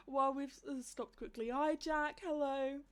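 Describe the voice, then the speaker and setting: A woman's voice: high voice, fairly even intonation, a little slow. A young woman hosting a casual podcast chat, giggly and encouraging toward her guest. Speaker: podcast host.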